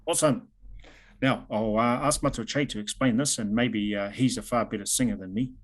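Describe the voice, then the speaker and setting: A New Zealand-accented man hosts and presents an informal talk over a video call, picked up by the call's microphone. His voice is fairly low and fairly quick, and his manner is chatty.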